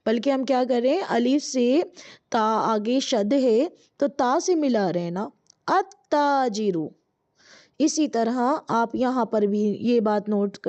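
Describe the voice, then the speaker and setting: A woman teaching an Arabic reader lesson, reading each word slowly and drawn out, then explaining it quickly. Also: a little high, mellow, muffled recording. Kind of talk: explaining a language textbook lesson.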